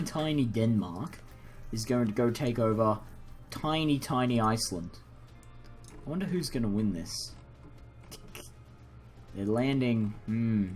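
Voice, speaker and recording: Speaking in a lowish voice, this young man is a native English speaker hosting a gaming video from a computer indoors. He gives unscripted, casual game commentary that wanders, apologizes, and pokes fun at himself.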